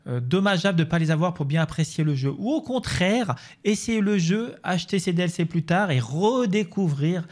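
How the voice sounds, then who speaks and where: A man's voice: high-pitched, animated, moderate pace, a little mellow. A man hosting a gaming video, talking casually over a game map with many fillers and restarts. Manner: chatty, many fillers and restarts, shifting pace.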